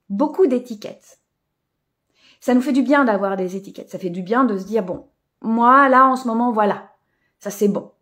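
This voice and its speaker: A woman with a voice a little higher than most hosts a casual live stream for her community. She talks in a reflective, spiritual way, full of fillers and small laughs. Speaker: host of a live coaching session. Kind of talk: casual live stream talk, greeting viewers.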